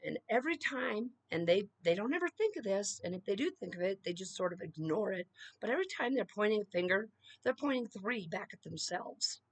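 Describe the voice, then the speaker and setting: A middle-aged woman talks straight into the mic in a fired-up solo rant, leaning hard on "okay?" and "you know" between points. Her voice sits at an ordinary middle pitch. The sound is dry and close, with almost no room around it. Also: animated, fairly quick, dry recording. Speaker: political commentator.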